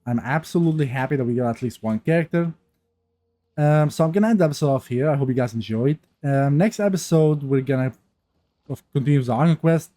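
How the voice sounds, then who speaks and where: A gaming YouTuber with a cold-clogged, stuffy nose gives casual gameplay commentary in a mellow, dark, mid-range voice, talking fairly quickly. He rambles, loops back, and restarts sentences with many fillers. The close, dry recording on a new, untuned mic has no room sound.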